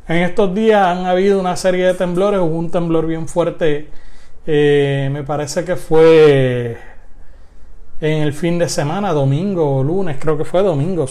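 A man's voice: a little high, a little mellow. A man with a Puerto Rican Spanish accent hosting a live stream, talking casually with frequent hesitations.

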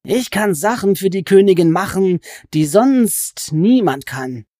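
A woman voicing a sly, menacing male goblin who is a fanatically loyal servant, speaking in a slow, drawn-out, hissing way. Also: medium pitch, animated, warm tone, no room sound, studio quality, voice pushed up. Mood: insistent, greedy.

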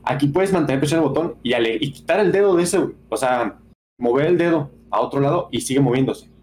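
A man's voice: medium pitch, fast talker, a little mellow. Guy breaking down game controls on a podcast, cuts off his words and restarts, bit of hiss behind him. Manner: explanatory, restarts words mid-sentence. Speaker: podcast co-host reviewing games. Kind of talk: casual podcast review.

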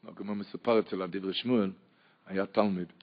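Gravelly preacher man, lo-fi. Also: fairly even intonation. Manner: shifts between low murmured narration and loud high-pitched shouted quotes. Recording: dull lo-fi recording.

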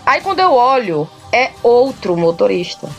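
A woman from Ceará with a Cearense accent, hosting a podcast and telling a story in casual, animated chat. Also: on the high side, creaky, faint music behind. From Ceará, Brazil. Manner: animated, laughing, drawn-out storytelling. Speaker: podcast host.

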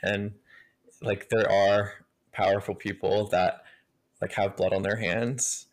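A man in casual, reflective discussion, speaking in a hesitant, measured way. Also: lowish voice, level tone, low-quality recording.

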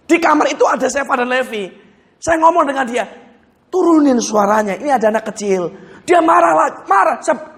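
A male pastor with a very high-pitched voice preaches a sermon as lively, conversational storytelling, often chuckling as he goes.

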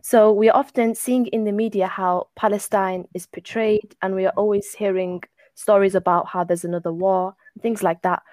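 A woman's voice: medium pitch, steady tone, normal speed, darkish tone, no room sound. A young woman hosting a casual podcast interview, friendly, with short encouraging replies. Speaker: podcast host.

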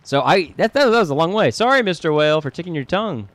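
A man's voice: a little high, expressive, fast, a bit bright, dry recording. A man playing a chatty, goofy lawyer and detective in an improvised comedy scene, rambling with many false starts.

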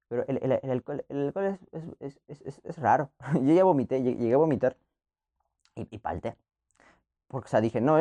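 Young male podcast host, casual laughing monologue, animated and warm. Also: mid-range voice. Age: young adult. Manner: rambling, laughs often, many restarts.

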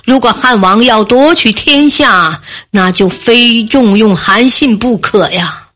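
A woman voicing an earnest, persuasive male chancellor of an ancient court in a storybook reading, speaking slowly. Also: a little high, a bit bright. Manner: earnest and insistent.

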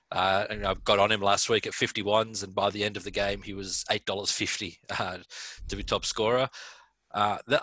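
Male co-host, low bright voice, dry close mic, enthusiastic sports talk. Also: no room sound. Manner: upbeat, enthusiastic, says "mate". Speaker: podcast co-host. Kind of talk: casual football podcast chat.

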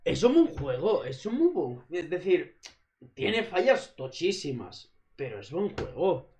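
A man's voice: a little high, very animated, a little slow, a little mellow. A man from co-hosting a casual podcast, talking emphatically and mimicking his younger self. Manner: emphatic, acts out his past self in a drawling voice. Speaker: podcast co-host. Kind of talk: casual chat.

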